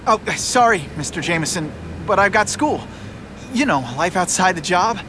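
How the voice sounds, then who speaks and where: A boyish young American superhero from a video game. His voice sits a little high and he talks in quips and self-questioning asides, with clear noise behind him. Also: expressive, moderate pace. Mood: apologetic. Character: wisecracking young male superhero, earnest student photographer. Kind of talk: video game character acting.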